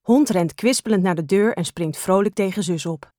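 Expressive woman reading a kids' story. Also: mid-range voice, normal speed, dry recording, clean studio sound. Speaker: storybook reader. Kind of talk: scripted children's story narration.

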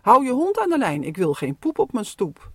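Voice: mid-range voice, huge pitch swings, normal speed, pushed and bright, husky, no echo, clean studio sound, pitched above the performer's own voice, heavily acted. A reader bellowing as a grumpy old neighbour. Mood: angry. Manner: bellowing, bossy. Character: stern grumpy old neighbour man, shouting. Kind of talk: storybook reading.

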